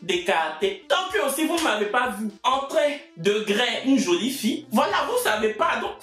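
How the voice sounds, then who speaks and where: A man's voice: extremely high pitch, very animated, normal speed, sharp tone, soft background music. A man in his twenties with an Ivorian French accent, answering viewer questions in a joking, mock-boastful way. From Côte d'Ivoire. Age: 20s. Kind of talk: comic Q&A vlog. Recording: echoey room.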